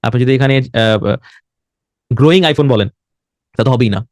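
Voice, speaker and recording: A young man with a Bangladeshi accent whose first language is Bengali, teaching an online IELTS lesson. He explains things slowly, drops English words into his talk and writes on a board as he speaks. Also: medium pitch, darkish tone, no room sound. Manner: writes on a board while talking.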